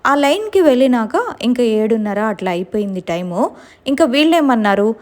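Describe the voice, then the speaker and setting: A woman's voice: on the high side, animated, fairly quick. A woman casually telling a real-life horror story in a colloquial, conversational way.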